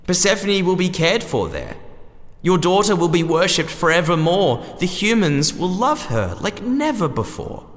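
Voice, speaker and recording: A man's voice: high voice, huge pitch swings, normal speed, long reverb tail, pitched above the performer's own voice, full character voice. A man voicing a lordly male sun god who speaks in stately rhymes. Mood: grave. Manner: rhyming, stately speech.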